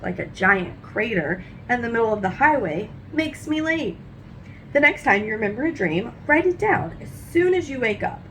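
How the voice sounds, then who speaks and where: A read-aloud host with a fairly high, very animated voice reads a children's nonfiction book, using careful, teacherly phrasing and a marked creak at times. The recording is rough, with a faint, low-rumbling noise behind her.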